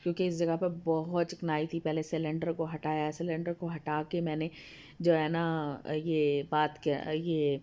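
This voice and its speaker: A slightly hoarse woman giving a chatty, homely voice-over for her home video, addressing viewers politely. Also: low-pitched, flat delivery, moderate pace, dark tone. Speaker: home vlogger. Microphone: voice-over recorded apart from the video.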